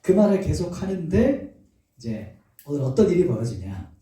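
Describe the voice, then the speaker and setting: A male pastor preaches with a lively, rising-and-falling voice and a warm, dark tone. He tells the story animatedly and keeps asking the congregation questions. He sounds far from the mic in a very echoey church. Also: fairly high pitch, moderate pace. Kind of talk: sermon.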